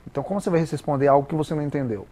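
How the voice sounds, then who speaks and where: A Brazilian man with a Brazilian Portuguese accent, a guest explaining English pronunciation in a didactic, halting way with many repeated words. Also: on the high side, warm tone. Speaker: interview guest, English teacher. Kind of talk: explanatory interview talk.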